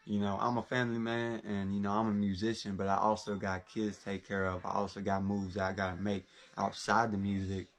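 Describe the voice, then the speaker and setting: A young rapper from Orlando, Florida talks about himself in a low, even voice with little rise or fall. His casual first-person talk is laid-back and loose, rambling along with plenty of street slang.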